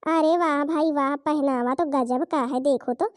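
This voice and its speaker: A woman doing a village gossip for a cartoon, scoffing and mocking as she watches the neighbours. The voice sits high and is recorded dry and close, with no room sound. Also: fairly even intonation, unhurried, no echo.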